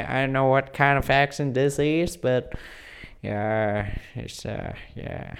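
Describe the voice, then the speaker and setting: A man's voice: mid-range voice, a bit bright, smooth. A young man vlogging casually, rambling earnestly with many restarts. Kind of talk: casual daily vlog.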